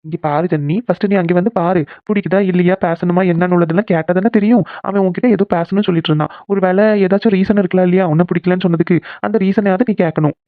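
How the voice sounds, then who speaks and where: A performer voicing a caring young man in a cartoon who coaxes and gently scolds his friend. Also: mid-range voice, steady tone, racing, hardly any pauses, no echo, close to an everyday voice. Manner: coaxing, bossy, gently scolding. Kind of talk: cartoon voice acting. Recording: tinny phone-like sound, dry.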